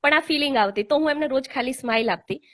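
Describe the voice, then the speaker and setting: A young adult woman hosts a casual online live chat, speaking fast in a high voice. She tells a personal story earnestly and from the heart, full of hesitant fillers, over an online live call.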